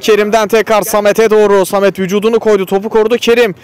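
Naming players in quick, clipped bursts, this man delivers live football commentary in a high-pitched, fast, clean voice. Whenever there's a shot or a goal, his voice rises with excitement.

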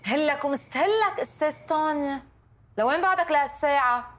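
A woman's voice: sits high, expressive, brisk. A woman in a dubbed TV drama, speaking in an upset, complaining way.

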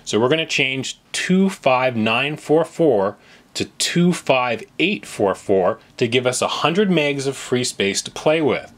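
A medium-pitched, expressive male voice takes its time explaining software step by step. The delivery is plain and instructional, aimed straight at the viewer.

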